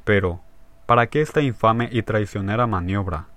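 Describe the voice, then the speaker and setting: A man's voice: on the low side, normal speed, fairly bright tone, no echo, lightly acted. A man reading the part of a grieving, betrayed husband who pleads tearfully and with vehemence. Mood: tearful pleading.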